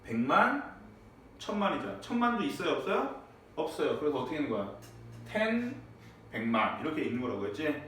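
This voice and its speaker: A man teaching a high school English class in a classroom, checking on students with frequent tag questions. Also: very animated, brisk, pauses often, a bit bright. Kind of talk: classroom lecture. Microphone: far from the mic. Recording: echoey classroom, distant mic, faint noise.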